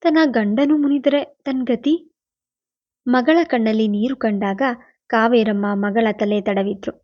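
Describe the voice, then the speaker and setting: A woman reads a novel aloud in a steady, even storytelling manner. Her voice sits somewhat high, and the recording has a slightly dull, lo-fi quality. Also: measured pace. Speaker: audiobook narrator. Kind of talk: scripted narration of a novel.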